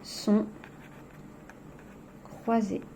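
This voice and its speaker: A woman's voice: extremely slow, mellow, slight background noise. A woman teacher going over a poetry exercise in a recorded lesson, explaining step by step with frequent "donc" and "hein".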